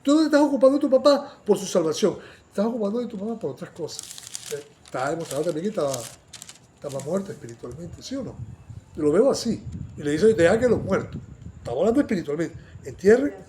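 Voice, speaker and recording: Delivering a lively Bible study sermon, this high-pitched, fast-talking man frequently seeks his listeners' agreement and performs quoted lines loudly. There is slight background noise.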